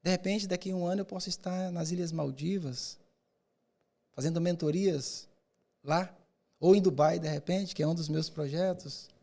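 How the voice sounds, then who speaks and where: A man's voice: fairly high pitch, normal speed, warm tone. A man who mentors public speaking, answering in a podcast interview with emphatic, rhetorical delivery and repeated words for effect.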